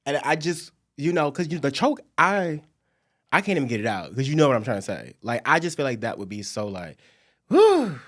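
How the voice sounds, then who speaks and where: A man's voice: mid-range voice, brisk. A man co-hosting a casual podcast, telling stories dramatically with lots of laughing. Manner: animated, dramatic storytelling with laughs. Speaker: podcast co-host.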